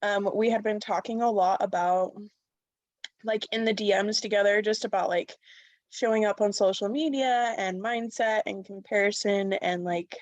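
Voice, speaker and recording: A bubbly young woman hosts a podcast in an easy, chatty way. She sounds upbeat and eager and fills her talk with "like" and "um". Her voice sits at an ordinary middle pitch. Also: fairly even intonation, moderate pace. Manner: bubbly, upbeat, filler-heavy with "like" and "um". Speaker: podcast host. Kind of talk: casual podcast chat.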